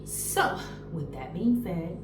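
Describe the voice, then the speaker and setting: Outdoors in the early morning, a congested, sniffly woman gives a rambling, casual tarot reading in a blunt, chatty manner. Her lowish voice is animated and slow-paced, and music plays underneath.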